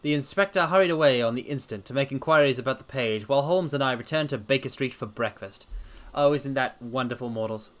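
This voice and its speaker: In a dramatic scripted narration with theatrical asides, a man streaming a story reading speaks to listeners with grandiose theatricality. His mid-range voice is a bit bright and a little fast, with few pauses.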